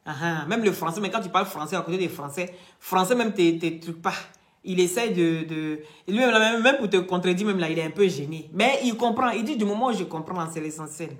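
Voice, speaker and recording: During a live chat on social media, a vlogger who sells beauty products lectures her followers and then pitches creams, speaking a little fast. Her lowish voice is emphatic and aimed directly at viewers. The room echoes, and her first language isn't French.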